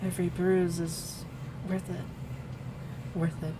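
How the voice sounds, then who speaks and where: A woman voicing a calm, slightly shy young male art student in a visual novel, speaking softly and low-key. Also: slow, noisy background.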